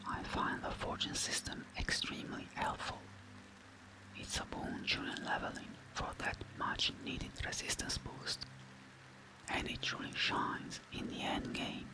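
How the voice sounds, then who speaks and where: A narrator giving a scripted game guide in a breathy, intimate ASMR whisper, close to the mic, measured and explanatory. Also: low-quality recording. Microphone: close microphone, ear to ear.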